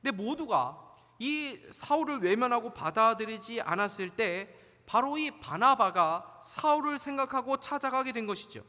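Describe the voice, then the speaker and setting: A man preaching from the pulpit, his voice high and bright, with a long church reverb trailing each phrase. He asks the congregation questions and then answers them himself, moving between formal preaching and easy, conversational asides. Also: expressive, moderate pace. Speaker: senior pastor. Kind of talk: sermon. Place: church sanctuary.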